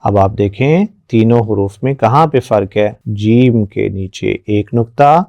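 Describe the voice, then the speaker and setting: A man teaching children their letters, patient and encouraging, often praising and drilling slow repetitions. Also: on the low side, gravelly, warm tone, no room sound. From Pakistan. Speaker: Quran teacher.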